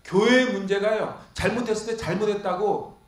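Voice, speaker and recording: A man's voice: high voice, moderate pace. A male pastor preaching an expository sermon, firing questions at the congregation and answering them himself. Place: church sanctuary. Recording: echoey church hall.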